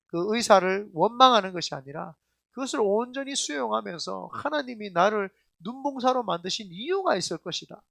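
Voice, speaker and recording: A man's voice: sits high, vocal fry, a bit bright, no echo. A male senior pastor preaching a sermon in an emphatic, colloquial storytelling way, often putting questions straight to the congregation. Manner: addresses the congregation directly with questions.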